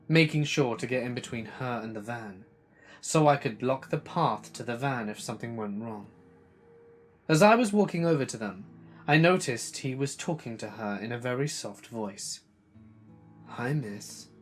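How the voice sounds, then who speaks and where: A man narrating a first-person scary story in an earnest, steady way, over faint music. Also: medium pitch.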